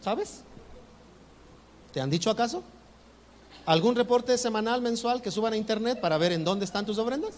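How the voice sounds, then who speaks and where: A man preaching a sermon as pastor, animated, acting out his congregants' voices. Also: moderate pace, long pauses, a little hiss or hum. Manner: animated, acts out congregants' voices with rising pitch. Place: church sanctuary. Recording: reverberant church hall, faint ambience.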